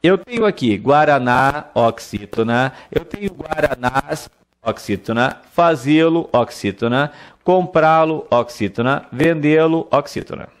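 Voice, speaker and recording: A man's voice: medium pitch, animated, measured pace. A man teaching an online exam-prep grammar lesson, drilling examples and coaxing viewers to answer aloud. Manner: repeats words and drills examples. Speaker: Portuguese teacher.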